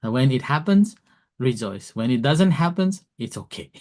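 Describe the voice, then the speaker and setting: Man, monk and meditation teacher. Mid-range voice, informal, halting, repeats phrases and voices small bits of dialogue. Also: mid-range voice, a little mellow. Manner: halting, repetitive, acts out short quoted exchanges.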